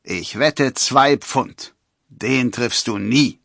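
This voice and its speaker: A man's voice: mid-range voice, moderate pace, bright, forceful tone, dry recording, studio quality, pitched above the performer's own voice. A man doing a taunting, sly forester. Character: boastful male forester who bets, sly bully.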